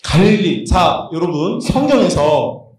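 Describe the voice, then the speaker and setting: A high-voiced man preaches with bounce and humor, firing questions at the crowd and pacing the stage. His voice rings through a large, very echoey church hall, picked up from a distance as he roams. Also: unhurried. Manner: animated, joking, quizzing the congregation; moves around while preaching. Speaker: pastor. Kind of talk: lively sermon at a youth retreat.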